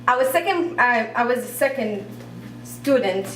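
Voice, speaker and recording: A young woman, a native Arabic speaker who grew up in Iraq, telling her own story on a cafe stage, talkative and halting with lots of fillers. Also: fairly high pitch, expressive, a bit bright, slight background noise. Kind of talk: live personal storytelling. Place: cafe stage at a live event. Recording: roomy cafe, speaker far from mic.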